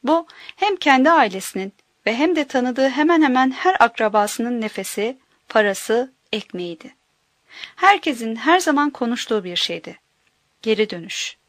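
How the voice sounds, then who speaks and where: A woman narrating an audiobook in a measured, careful way, minding each pronunciation. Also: fairly high pitch, expressive, dry recording.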